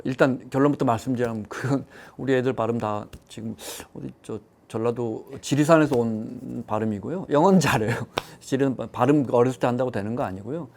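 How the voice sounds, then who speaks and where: Animated middle-aged Korean man telling stories. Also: medium pitch, fairly quick, vocal fry, hardly any pauses, a little hiss or hum. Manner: storytelling, animated quoting of others. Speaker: economics show panelist. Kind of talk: casual chat.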